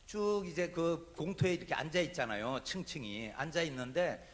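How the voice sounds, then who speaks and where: Korean pastor telling a lively story. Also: male voice, on the high side, normal speed. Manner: animated, humorous anecdote telling. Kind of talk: sermon with storytelling. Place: church sanctuary.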